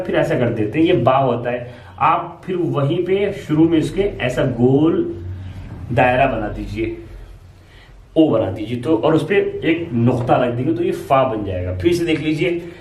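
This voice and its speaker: A man's voice: medium pitch, distant mic. A man teaching the Arabic alphabet to beginners, explaining each letter patiently and step by step, with plenty of repetition. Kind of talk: beginner alphabet lesson at a board. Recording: roomy echo, speaker away from mic.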